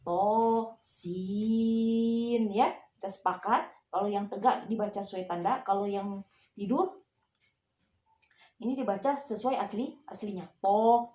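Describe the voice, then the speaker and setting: A woman teaching Quran reading, chanting letters slowly and pausing with fillers. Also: medium pitch, a little mellow, echoey room. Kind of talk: slow recitation lesson.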